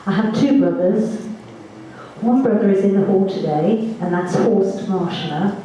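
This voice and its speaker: Woman's mellow voice in an echoey hall. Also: mid-range voice, unhurried, distant mic, a little hiss or hum. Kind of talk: spoken first-person testimony at a reunion. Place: large assembly hall.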